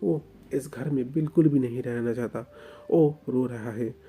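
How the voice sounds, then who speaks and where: Deep, mellow male story narrator. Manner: emotive, emphatic, with pauses.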